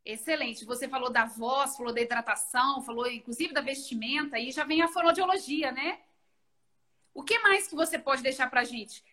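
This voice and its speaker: A woman's voice: sits high, normal speed, sharp tone. A woman from southern Minas Gerais, her accent leaning toward São Paulo, hosting a remote live interview as a law professor and asking long, friendly framing questions. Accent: southern Minas Gerais, close to São Paulo Portuguese. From southern Minas Gerais, Brazil. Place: remote live video session.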